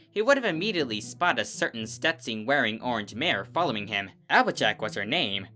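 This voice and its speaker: A narrator with a medium-pitched voice reads a fan fiction story aloud, using an expressive, scripted storytelling style.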